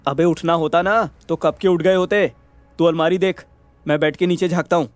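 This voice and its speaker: A man's voice: on the high side, steady tone, moderate pace, no echo, faint music behind, lightly acted. A man voicing a cheeky young male friend who talks in brash, slangy, mocking banter.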